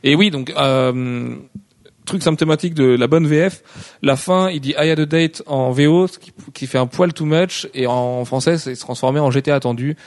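A man's voice: medium pitch, moderate pace, no room sound, clean studio sound. A man hosting a casual chat about a film, hesitant with many restarts.

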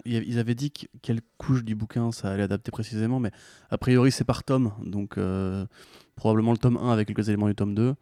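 A man's voice: lowish voice, vocal fry, mellow, smooth, no echo, clean studio sound. A man co-hosting a podcast, laid-back and joking, often hesitant with fillers. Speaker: podcast co-host. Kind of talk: casual chat.

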